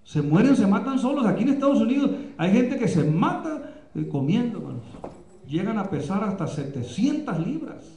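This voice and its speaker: Guy preaching in church, pretty high voice, lots of "eh" pauses, echoey room. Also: sing-song, warm tone. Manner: impassioned preaching, many filler pauses. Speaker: pastor. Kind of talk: sermon. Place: church, live streamed.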